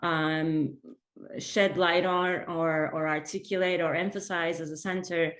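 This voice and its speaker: A woman's voice: lowish voice, flat delivery, unhurried, fairly bright tone. A woman co-hosting an online event with an informal introduction, hesitant and often rephrasing herself. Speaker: research center representative, event co-host. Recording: roomy, echoing video call audio.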